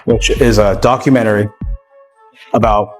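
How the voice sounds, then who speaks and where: A man's voice: fairly low pitch, steady tone, normal speed, darkish tone. A man asking questions casually as an interviewer. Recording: music under the voice.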